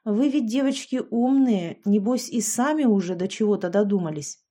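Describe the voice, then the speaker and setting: A woman voicing a coolly mocking young man who speaks with icy calm. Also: medium pitch, moderate pace, close to an everyday voice.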